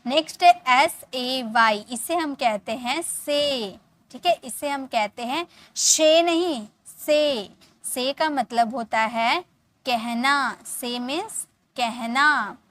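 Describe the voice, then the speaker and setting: A woman teaches an English lesson with a high voice. She spells each word, repeats it slowly and keeps checking that her students follow. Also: a bit bright.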